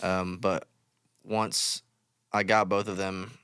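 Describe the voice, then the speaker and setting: Low, clear-voiced musician. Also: male voice, little pitch movement, slow, bright, forceful tone, no room sound, clean studio sound. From West Texas. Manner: thoughtful, explains with many "like"s. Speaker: guest musician. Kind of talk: casual interview chat.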